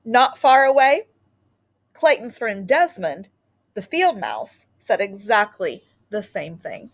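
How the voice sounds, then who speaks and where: A woman with a mid-range voice slowly reads a children's picture book aloud, using an expressive storytelling style.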